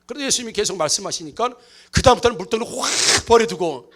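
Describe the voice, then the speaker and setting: A man with a very high voice preaches from the pulpit of a church. His delivery is animated and playful, and he drops into other voices to act out characters. He keeps calling on the congregation to respond. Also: quick pace. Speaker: pastor. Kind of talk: lively Easter sermon with acted asides. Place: church sanctuary.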